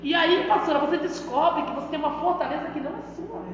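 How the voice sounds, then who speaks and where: In an echoey church hall with a dull sound, a woman missionary with a Brazilian Portuguese accent delivers an emphatic testimony sermon, often turning to address the pastor. She talks fast in an extremely high voice.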